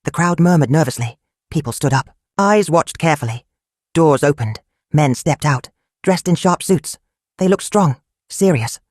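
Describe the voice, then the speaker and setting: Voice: medium pitch, dry recording, studio quality. A storyteller narrating a folktale in short, simple, clipped sentences.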